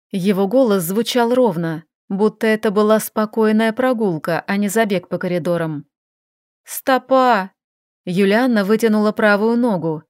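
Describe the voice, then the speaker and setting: Woman narrator, audiobook reading, lively storytelling, mid-pitched voice, dry close recording. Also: no room sound. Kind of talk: scripted narration.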